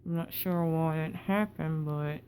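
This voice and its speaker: Low-voiced woman talking through a wired jaw. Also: steady tone, dark tone, slight background noise. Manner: muffled talk through a wired-shut jaw, teeth held together; halting, effortful. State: tired, sore with swollen cheek. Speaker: patient recovering from jaw surgery. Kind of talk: casual video diary.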